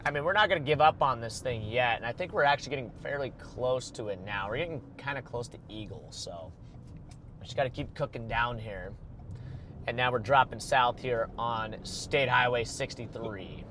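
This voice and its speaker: A bright-voiced man talks through a live storm chase from the driver's seat, rambling and thinking aloud. Faint road noise hums under his voice. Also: medium pitch, moderate pace. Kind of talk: casual live commentary from a car. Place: in a moving car.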